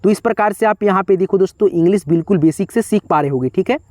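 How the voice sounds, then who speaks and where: A man's voice: high voice, fast talker, darkish tone, no echo. Patient man teaching letter by letter. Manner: repetitive, patient step-by-step spelling out; addresses viewers as friends often. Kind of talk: whiteboard lesson.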